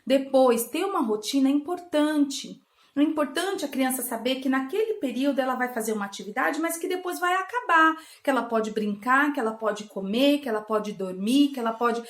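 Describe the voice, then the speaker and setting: A woman with a high, bright-sounding voice talks parents through learning games at home. She is coaxing and playful, acting out little exchanges with a child. The sound bounces around the echoey bedroom she records in. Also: lively intonation, brisk. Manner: warm, coaxing, acts out playful dialogue with a child. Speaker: channel host giving parenting tips. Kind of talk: casual home teaching talk.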